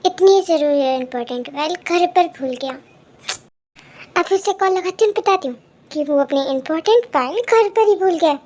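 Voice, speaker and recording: A woman's voice: very high-pitched, lively intonation, moderate pace, darkish tone, slight background noise. A woman voicing a fussy, bossy young wife in a fan audio drama, scolding and insistent. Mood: annoyed.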